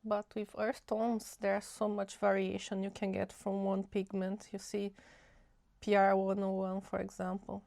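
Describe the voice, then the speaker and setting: A young woman who runs an art channel talks slowly through a laid-back watercolor swatching tutorial, musing aloud in a chatty way. Her cold makes her medium-pitched voice nasal, with a touch of vocal fry, and the close recording has no echo.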